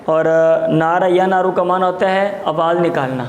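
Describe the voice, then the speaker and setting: A male teacher gives a classroom lecture. He explains vocabulary term by term, repeating each word slowly. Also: sits high, reverberant, slight background noise. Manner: explains words slowly, repeating terms, mixes in Punjabi asides.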